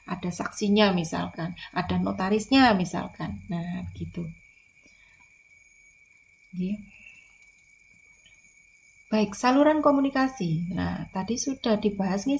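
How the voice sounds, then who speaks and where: A woman lecturer gives a recorded online lecture, repeating key points and using frequent fillers. Her voice is medium-pitched, gravelly and slightly mellow, with a little background noise.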